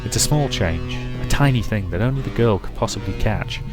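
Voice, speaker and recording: Male Let's Play reader: dramatic, measured visual novel narration, lower register, clear musical backing. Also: expressive, music in the background.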